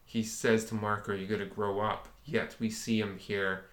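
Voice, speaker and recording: Lower-voiced man in an echoey room. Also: level tone, moderate pace. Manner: agreeable, asks questions. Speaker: podcast co-host. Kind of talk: casual discussion.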